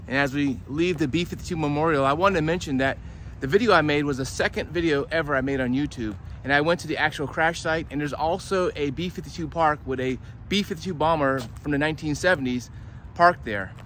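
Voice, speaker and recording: A man's voice: on the high side, a little fast, few pauses, fairly bright tone. A man speaking as a tour guide, narrating an outdoor walking tour and explaining the sights as he goes. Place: outdoors in a public park. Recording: outdoor recording with urban ambient noise.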